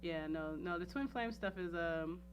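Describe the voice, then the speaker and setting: Speaking at a moderate pace with a lowish voice, this woman appears as a talk show guest and chats candidly and casually about her personal life. She rambles emphatically, leaning on "you know what I'm saying" again and again, with slight noise behind her.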